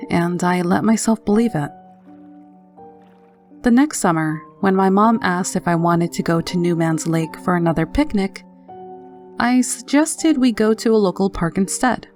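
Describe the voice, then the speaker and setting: Low, haunting woman narrating over music. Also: darkish tone. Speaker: horror story narrator. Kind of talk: scripted first-person scary story narration.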